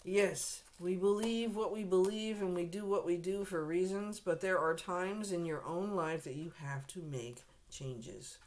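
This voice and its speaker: Unhurried and with few pauses, a woman reads tarot casually to camera in a fairly low, a little mellow voice gone hoarse. She keeps clearing her throat and speaks to the viewer frankly and directly.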